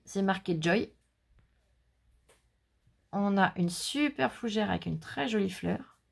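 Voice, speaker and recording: A woman's voice: mid-range voice, gravelly, darkish tone. A woman hosting her crafting channel, chatting casually and effusively while showing handmade cards and teasing someone off camera. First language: French. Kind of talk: casual unboxing chat.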